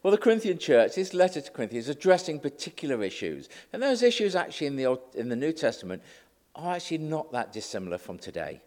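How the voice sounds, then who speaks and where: A middle-aged man preaches in a chatty, self-deprecating way, with a slightly nervous edge. His voice sits a touch high for a man and swings widely in pitch. He keeps the sermon light and conversational. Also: sing-song, fast, a little mellow. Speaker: lay preacher.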